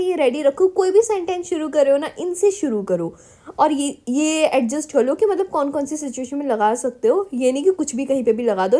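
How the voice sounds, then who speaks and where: A woman's voice: high voice, a little mellow. A woman from India teaching spoken English in a Hindi-English mix, encouraging and addressing viewers as her children. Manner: mixes Hindi with English phrases. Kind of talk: Hindi-English mixed lesson.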